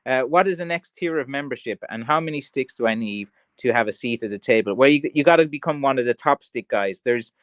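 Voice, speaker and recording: Speaking a little fast and with hardly any pauses, this mid-range male voice belongs to a County Kerry craftsman who sells blackthorn sticks. He chats on a livestream in a rambling, tongue-in-cheek way as he answers comments, with a mild west of Ireland Kerry accent and no room sound.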